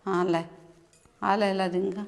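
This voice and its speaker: A woman in an older mother's role in a short-film drama, speaking gently and reassuringly. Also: mid-range voice, little pitch movement, unhurried, creaky, big-room sound. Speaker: mother-in-law.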